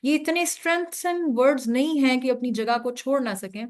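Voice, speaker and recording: A woman teaches a beginners' grammar class online, her voice sitting a little higher than usual. She explains step by step with patience, mixes English words into her talk and keeps asking whether everyone is following. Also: lively intonation. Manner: patient explaining, often checks understanding with a tag question; mixes English terms into Urdu speech.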